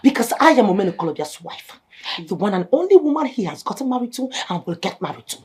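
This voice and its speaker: An actress as a haughty scheming wife. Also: female voice, medium pitch, sing-song, fast talker, close to an everyday voice. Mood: scornful. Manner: mocking, sharp-tongued, rising to shouts. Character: scheming, haughty estranged wife, possessive and scornful. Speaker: estranged wife.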